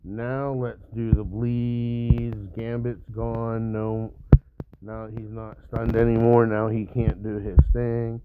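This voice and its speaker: A man's voice: medium pitch, level tone, slow pace, narrow, tinny audio, over loud music. A man giving casual, blunt, instructive commentary over his own gameplay as he walks through tactics. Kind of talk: casual mobile game walkthrough commentary.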